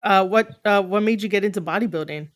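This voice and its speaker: A woman hosts a casual interview with a fan's informality. Her voice is clean and smooth at an average female pitch. She rambles through questions and drifts into asides. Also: fast. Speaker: wrestling interview host. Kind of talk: casual fan-like interview chat.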